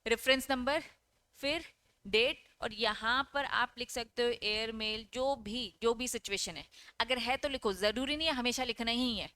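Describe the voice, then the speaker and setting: Bright-voiced woman teacher lecturing. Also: a little high, a little slow. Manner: asks students questions and answers them herself; reads English lines from the text, then explains them. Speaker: exam-prep teacher. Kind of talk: online lecture.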